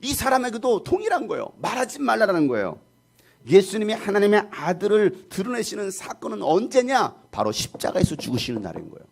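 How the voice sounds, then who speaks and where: A middle-aged man preaching a sermon as pastor, animated, often acting out the voices of the people in the story. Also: high voice, a little fast, gravelly. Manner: animated, acts out quoted voices.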